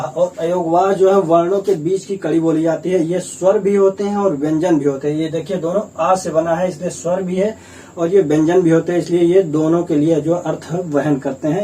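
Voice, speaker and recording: Teacher explaining slowly from across room. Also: male voice, on the high side, steady tone, mellow. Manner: patient, repetitive explaining, sounds out letters slowly. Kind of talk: grammar lesson at a board. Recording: distant mic with faint room noise.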